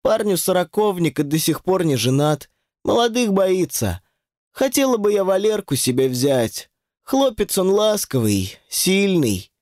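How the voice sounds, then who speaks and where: Storybook granny read by a man: blunt, gossipy, grudging, high lively voice. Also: a little slow, dry recording, clean studio sound. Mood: confiding. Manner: folksy, chattering grievances. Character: elderly village woman, blunt and grudging.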